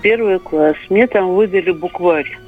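A woman's voice: lowish voice, measured pace, soft background music. An elderly woman in her eighties calling a radio phone-in over a phone line, telling a personal story. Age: 80s. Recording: dull band-limited phone line.

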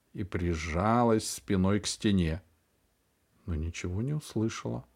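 Male audiobook reader with a low, gravelly voice, dramatic and suspenseful delivery. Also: a little mellow. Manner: dramatic storytelling, slowing and dropping low on suspenseful phrases. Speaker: audiobook narrator. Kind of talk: scripted narration of a children's sci-fi novel.

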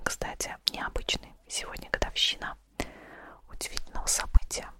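A podcast host telling stories in a soft, relaxing ASMR whisper, close to the microphone.

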